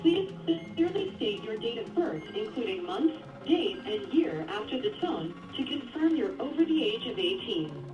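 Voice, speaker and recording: Callers hear a woman's automated menu recording, scripted and delivered politely and evenly, laying out instructions one step at a time. Her voice is fairly high and lively, and the audio comes across as distant and phone-like over background music.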